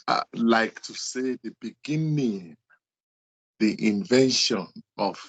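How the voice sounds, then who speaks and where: A man with a Nigerian accent hosting an interview show, speaking slowly and respectfully and thanking his guest often. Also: lowish voice, slightly rough, no echo. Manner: slow, deliberate and respectful, with frequent thanks. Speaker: host. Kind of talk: hosting an interview show, mixing English and Yoruba.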